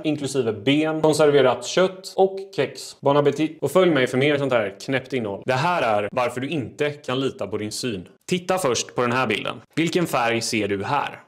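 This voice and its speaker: A TikTok creator speaks directly to his audience in short, snappy quiz and fact clips. His middle-pitched voice moves fast and punchy, landing deadpan pun jokes and questions.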